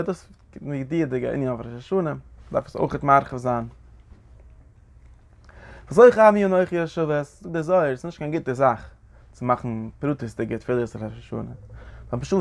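A man teaching a Zohar lesson in an animated lecturing way, often asking his listeners short questions. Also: mid-range voice, creaky. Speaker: Torah teacher.

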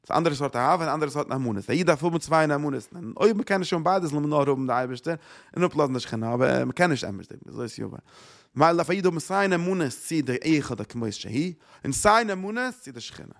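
A man's voice: fairly high pitch, lively intonation, fast talker, vocal fry. A man teaching a Torah lecture, repeating phrases and asking rhetorical questions. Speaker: religious teacher.

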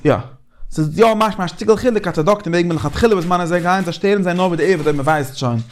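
A man leading a casual Talmudic study discussion, animated and repeating phrases as he thinks aloud. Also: high voice, fast talker, a little hiss or hum.

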